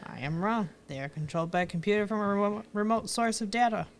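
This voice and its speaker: A woman voicing a formal, nonhuman channeled entity, reading its answers from a transcript in a measured way. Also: mid-range voice, a little hiss or hum, pitched above the performer's own voice, natural voice.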